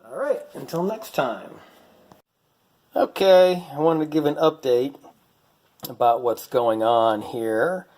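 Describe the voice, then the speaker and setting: A man's voice: on the high side, slow, pauses often, a little mellow. Chatty man showing his model cars. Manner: chatty, self-deprecating, wry. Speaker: hobbyist channel host. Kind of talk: casual workshop vlog.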